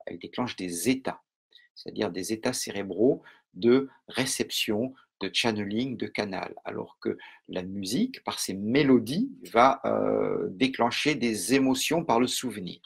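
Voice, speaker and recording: Un homme avec un accent français donne un cours en direct sur le mentalisme, d'un ton calme et posé, avec beaucoup de pauses et d'hésitations. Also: male voice, fairly low pitch, creaky, husky. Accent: French. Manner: calm, measured, with many pauses and fillers. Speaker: mentalism teacher. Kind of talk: live online lesson.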